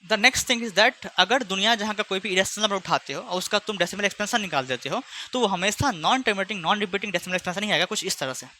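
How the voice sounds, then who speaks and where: Bright-voiced chatty maths teacher. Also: male voice, sits high, fast talker, few pauses, a little hiss or hum. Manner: chatty, teasing, speaks both sides of a pupil dialogue. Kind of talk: online class lesson with imagined student back-and-forth.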